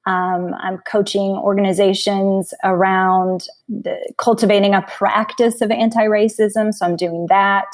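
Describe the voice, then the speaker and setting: A woman in her forties, a coach and author, chatting as a podcast guest in a frank, animated way, laughing and swearing freely. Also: medium pitch, measured pace. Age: 40s. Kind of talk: casual chat.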